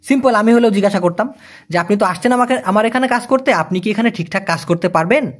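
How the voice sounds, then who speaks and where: A man whose first language is Bengali, teaching Malay job-interview phrases and repeating each one slowly. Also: high-pitched.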